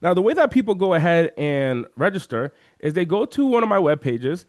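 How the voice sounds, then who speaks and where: Animated man pitching his webinar system. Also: brisk, no echo, clean studio sound. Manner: animated, acts out quoted chat voices. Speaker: interview guest, software coach. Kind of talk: energetic screen-share walkthrough.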